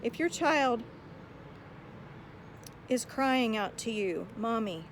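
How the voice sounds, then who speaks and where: A woman's voice: fairly high pitch, animated, drawn-out words, slight background noise. A woman giving earnest, exhorting advice on how to pray, often repeating words as she gathers her thoughts. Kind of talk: earnest spoken encouragement on prayer.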